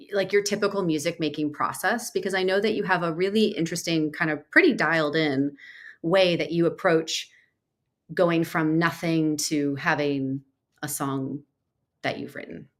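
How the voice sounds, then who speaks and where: A woman hosts a livestream interview over a video call, and her praise spills out eagerly. Her voice sits on the low side for a woman. She talks in an effusive, excitable way. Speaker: host and music mentor.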